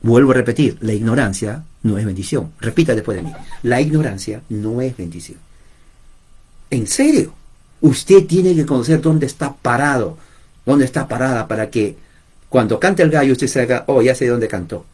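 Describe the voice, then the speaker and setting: A man's voice: mid-range voice, expressive, moderate pace, a little mellow, husky. A man preaching informally to camera, emphatic, repeating his points and addressing listeners directly.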